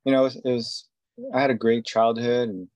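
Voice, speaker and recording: A man's voice: mid-range voice, level tone, brisk, darkish tone, no room sound. A man in his forties from Israel, a tattoo artist, talking casually in an interview and rambling with many fillers and restarts. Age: 40s.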